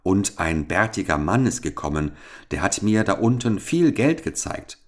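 A man's voice: sits low, lively intonation, normal speed. A man voicing a fearless, cheeky young lad in a read-aloud fairy tale, sounding carefree and cocky. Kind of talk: storybook reading.

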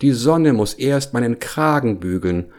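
Vain grumbling bear, pitched up, bouncy voice, a man putting it on. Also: expressive, a little slow, a little mellow, natural voice. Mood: fussy. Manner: grumbling, fussy about his collar. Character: vain, lazy male collar bear, eager for honey. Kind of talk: storybook reading for children.

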